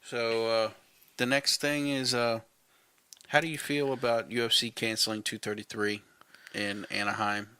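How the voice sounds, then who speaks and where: A man's voice: medium pitch, level tone, normal speed, sharp tone, smooth, no echo. A man co-hosting a casual sports podcast, blunt and opinionated, swearing casually as he gives his takes. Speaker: podcast co-host.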